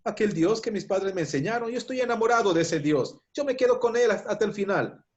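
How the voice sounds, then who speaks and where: A man's voice: sits high, animated, quick pace, muffled recording, voice pushed up. A man with a Peruvian Spanish accent voicing the steadfast, devoted prophet Daniel in a sermon retelling, with earnest, defiant declarations.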